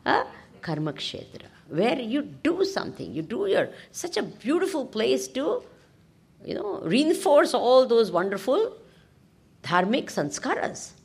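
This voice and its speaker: A woman with a South Indian accent giving an informal scripture discourse as a spiritual teacher, animated and often prompting her listeners with questions. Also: a little high, unhurried, gravelly, slightly rough. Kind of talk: informal scripture discourse to a class, with Sanskrit verses.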